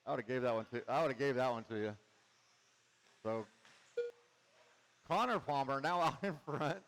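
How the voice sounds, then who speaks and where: A man's voice: medium pitch, normal speed, a bit bright, long reverb tail, a little hiss or hum. A man running a club race, organizing marshals and giving casual live commentary, joking and calling out to drivers.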